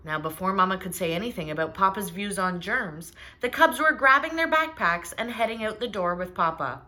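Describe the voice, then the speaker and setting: Animated woman storyteller for children, bright and expressive, pausing to ask questions. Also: mid-range voice. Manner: animated, asks listeners questions. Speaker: storybook reader. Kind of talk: children's storytime read-aloud.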